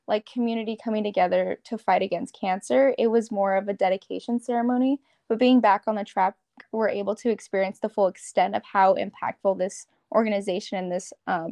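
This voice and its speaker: A woman's voice: mid-range voice, darkish tone, no echo. A woman in her late teens with an American accent, giving conversational answers as an interview guest. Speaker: podcast guest, pageant competitor and volunteer.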